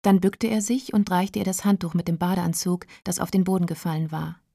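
Female audiobook narrator, calm storyteller, mellow and dry. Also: on the low side, a little fast, creaky, no echo. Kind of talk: audiobook reading.

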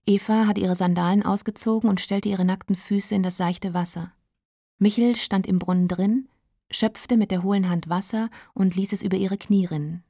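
A woman narrating a story aloud in a calm, even audiobook reading. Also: mid-range voice, normal speed, gravelly, dry recording, studio quality.

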